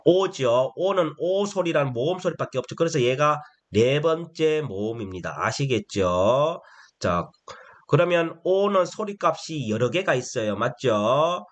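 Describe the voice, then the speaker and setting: A man teaching a phonics lesson to older learners, asking questions again and again and pushing out each letter sound for them to repeat. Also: a little high. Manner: slow, repetitive call-and-response questioning; prompts answers with emphatic letter sounds.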